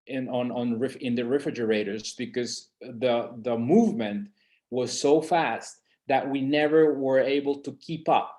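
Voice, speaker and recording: Presenting in a casual webinar, this middle-aged man from Colombia's San Andres and Providence islands has a mid-range, slightly mellow voice, a steady tone and a measured pace. He hesitates often, with many fillers and restarts.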